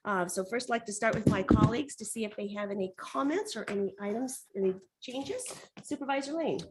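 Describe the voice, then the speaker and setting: A woman chairing a public board meeting, speaking formally and courteously in a halting, pause-filled way. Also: a little high, lively intonation, very noisy. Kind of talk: formal meeting facilitation with spoken remarks.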